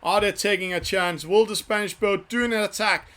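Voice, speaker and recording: A man hosting and commenting live on an online sailing race from a studio, with halting, self-correcting phrasing. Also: high voice, steady tone, sharp tone.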